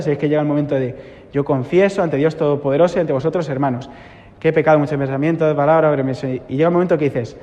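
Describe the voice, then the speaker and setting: A man's voice: on the high side, darkish tone, highs cut off. A male priest giving an earnest sermon, repeating phrases for emphasis. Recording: long church reverb.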